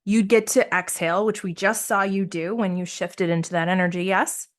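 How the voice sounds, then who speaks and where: A woman coaching participants live over a video call. She sounds upbeat and encouraging and laughs easily. Her voice sits in an ordinary middle pitch. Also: steady tone, moderate pace. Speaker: business coach.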